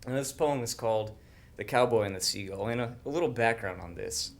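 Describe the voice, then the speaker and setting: A man's voice: medium pitch, fairly quick, a little hiss or hum. A man giving a humorous speech to a club, speaking in a dry, mock-earnest way.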